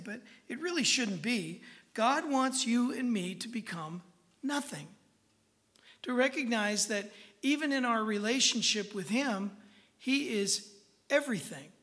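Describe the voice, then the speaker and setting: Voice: mid-range voice, a bit bright. A preacher giving a conversational Bible-teaching sermon in a folksy, informal way, often checking in with the listeners.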